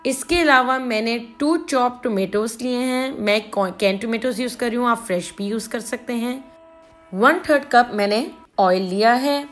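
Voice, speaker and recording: Woman giving calm recipe steps, light music. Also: a little high. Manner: calm step-by-step instruction. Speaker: cooking channel host. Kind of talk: recipe voice-over.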